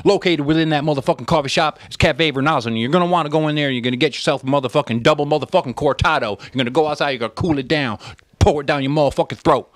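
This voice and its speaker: A man voicing a loud, cursing Southern auctioneer with a put-on twang, reading a barbershop ad. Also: fairly high pitch, very fast, no room sound, voice pushed up, close to an everyday voice. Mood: rowdy. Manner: rowdy, swearing, drawling sales patter.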